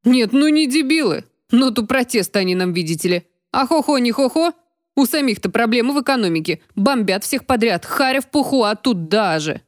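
A woman's voice: a little high, lively intonation, a little fast, dry recording, natural voice. Woman voicing a bellowing middle-aged aunt, scolding, storybook character, dry close sound. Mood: ranting. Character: blustering loud middle-aged aunt, shouts at TV.

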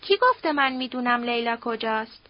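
A woman voicing a coarse, greedy middle-aged man, once a neighborhood strongman, who talks in gruff street slang. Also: on the high side, expressive, no echo, lightly acted. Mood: offhand. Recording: dull dry audiobook recording.

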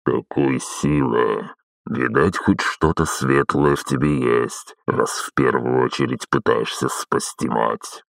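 A man voicing a cold masked villain who speaks in a slow, contemptuous, measured way. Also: very deep voice, steady tone, vocal fry, no echo, full character voice.

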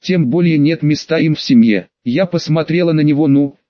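A man reading an audiobook aloud as narrator, telling a first-person story in a woman's voice in steady scripted narration. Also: fairly high pitch, moderate pace, no echo, lo-fi sound.

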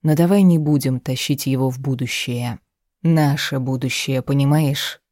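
A reader voicing a seductive male mage who talks to his wife in a low husky murmur. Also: fairly even intonation, moderate pace, darkish tone, no echo, studio quality, lightly acted. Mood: tender.

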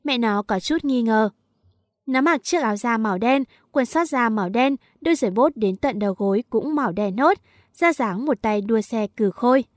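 A woman's voice: a little high, animated, moderate pace, no echo. Woman narrating a teen story, dry close sound. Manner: reads dialogue of many characters in one lightly shifted voice. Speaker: audiobook narrator. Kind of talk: storybook reading with character voices.

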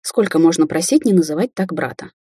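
A grumbling, defensive middle-aged sorceress, as a woman reading aloud puts her on. Her voice is low, husky and mellow, with a dry storybook delivery. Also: animated, a little fast, no room sound. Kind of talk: audiobook character voicing.

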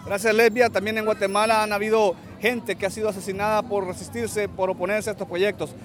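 Brisk high-voiced male field reporter. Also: level tone, over music. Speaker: radio reporter. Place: outdoors at a street march.

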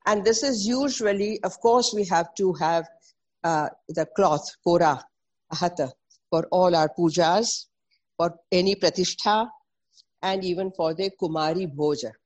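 A woman's voice: lowish voice, a little slow, darkish tone. A middle-aged woman with a North Indian accent gives an informal explanatory talk, mixing English with Hindi and Sanskrit and repeating terms as she teaches. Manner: didactic, spells out and repeats terms. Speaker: presenter explaining traditional Indian textiles.

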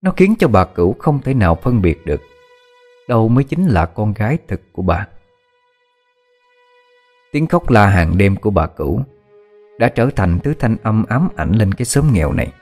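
A man narrating a dramatic horror story in a measured, expressive storytelling manner. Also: lowish voice. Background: faint music.

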